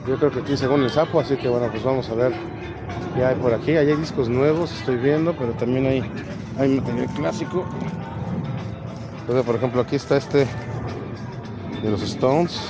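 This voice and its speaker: Loud music sits behind this rough recording of a thirtysomething male vlogger with a medium-pitched voice, talking at normal speed with frequent pauses. He rambles through a casual walk-and-talk at an outdoor swap meet, naming things he passes, captured on a body-mounted or handheld action camera.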